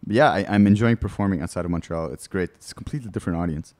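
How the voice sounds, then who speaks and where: A man's voice: sits low, rapid-fire, a little mellow, no echo. A male comedian guest chatting casually on a podcast, telling candid, rambling stories and laughing between lines. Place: studio.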